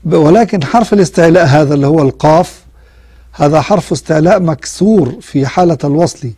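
A man teaching a Quran recitation lesson, explaining rules step by step and drawing out example words slowly. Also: on the high side, warm tone, breathy edge, no echo. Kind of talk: tajweed lesson.

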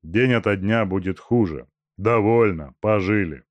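A man reading an audiobook, voicing a brutal, mocking male robber chief in a loud, gruff, taunting voice. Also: lowish voice, unhurried, no room sound, highs cut off, lightly acted. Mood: gruff, brooding. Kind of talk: audiobook character voice.

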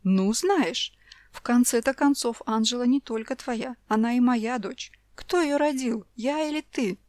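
A woman voicing an exasperated, sharp-tongued young mother in a storybook reading. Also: fairly high pitch, measured pace, no room sound, clean studio sound, pitched above the performer's own voice, lightly acted. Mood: indignant. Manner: indignant, raised voice.

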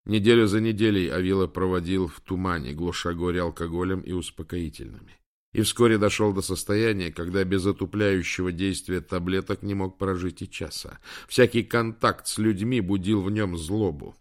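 A man narrating an audiobook in a measured, dramatic way. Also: low-pitched. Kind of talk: scripted narration.

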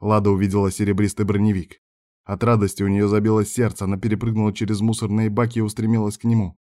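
A man narrating an audiobook in a steady, vivid storytelling manner. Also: on the low side, fast. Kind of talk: scripted narration.

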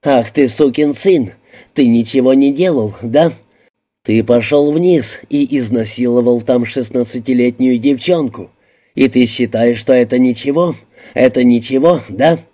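A man's voice: medium pitch, normal speed, lightly acted. A man voicing a hard, threatening police detective who questions bluntly. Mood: furious. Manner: blunt, menacing, shouting at times. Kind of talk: audiobook character voicing.

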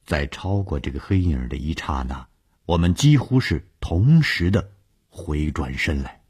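A man reading a horror story aloud in a measured, suspenseful way. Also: rumbling low, animated, darkish tone, slightly rough. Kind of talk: scripted horror narration.

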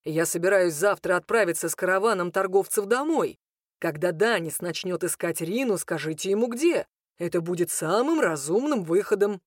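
A woman voicing a calm, prudent male dragon man in an audiobook, speaking in measured tones. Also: lowish voice, no echo, clean studio sound.

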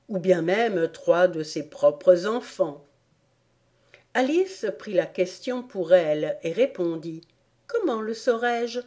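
A woman narrates a storybook at an unhurried, deliberate pace. Her voice is soft and mellow, with a dark, warm tone. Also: on the low side. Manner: slow, measured reading. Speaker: audiobook reader.

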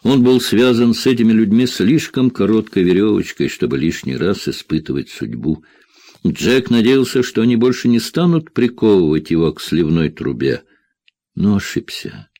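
A man narrating a thriller audiobook in a steady, measured reading. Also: on the low side, no echo.

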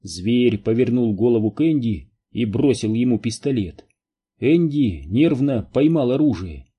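A man narrating an audiobook in a steady, even storytelling manner. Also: mid-range voice, measured pace, slightly rough, muffled recording.

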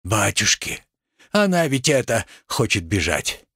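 Man doing a timid husband, pleading, husky, slow. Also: on the low side, very animated, a bit bright, dry recording, clean studio sound, heavily acted. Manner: pleading, anxious. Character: timid, desperate young husband.

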